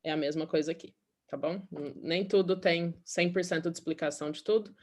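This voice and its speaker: A woman's voice: fairly low pitch, steady tone, brisk, darkish tone. A woman from Brazil teaching an English class in Portuguese, explaining patiently and often checking in with "okay?".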